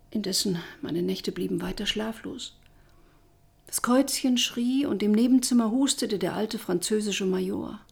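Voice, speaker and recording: Gravelly-voiced woman reading a story. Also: medium pitch, a little mellow. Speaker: narrator. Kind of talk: reading a first-person literary story aloud.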